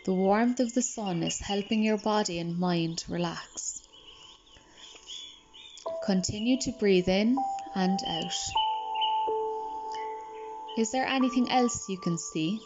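A woman guides a slow relaxation in a gentle, unhurried voice. The sound is a little muffled. Calm music plays clearly behind her, with birds chirping. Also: mid-range voice. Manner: slow, soft and soothing. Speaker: meditation guide. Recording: slightly dull recording.

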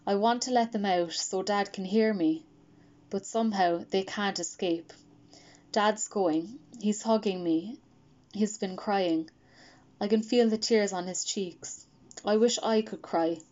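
A woman's voice: mid-range voice, a little slow, a little mellow, highs cut off. Woman reading a children's story. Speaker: audiobook reader. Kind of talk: first-person children's story narration.

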